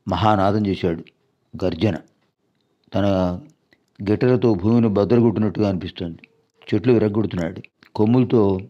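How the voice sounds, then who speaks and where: A man with a low, warm, mellow voice gives a devotional storytelling discourse. He retells the tale in a measured, explanatory way and pauses often. The recording sounds a little muffled and lo-fi. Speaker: religious discourse speaker.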